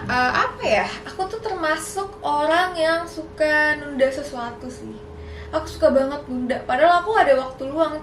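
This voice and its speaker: A woman's voice: a little high, fairly bright tone, echoey room, a little hiss or hum, low-quality recording. A young woman in a casual Q&A vlog, chatty and a little nervous, mixing in English words. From Indonesia. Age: young adult. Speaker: YouTuber.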